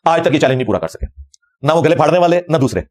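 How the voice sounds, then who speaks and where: Middle-aged male religious scholar, combative lecture delivery at a quick pace. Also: a little high, lively intonation, darkish tone. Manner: combative, fervent, quotes Arabic verses.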